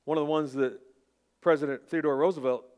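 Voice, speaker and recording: A man's voice: on the high side, steady tone, a little fast, a little mellow. A man in his fifties with an Oklahoma accent, preaching as a pastor in a folksy, informal, self-deprecating way. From Oklahoma, United States. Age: 50s. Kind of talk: sermon.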